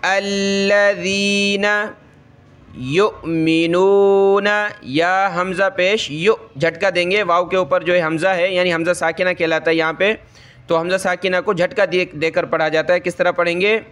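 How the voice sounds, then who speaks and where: Man, Quran reading teacher, high voice, flat even delivery, rapid explanations, slow repeated recitation. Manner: asks and answers his own questions, repeats words, checks understanding.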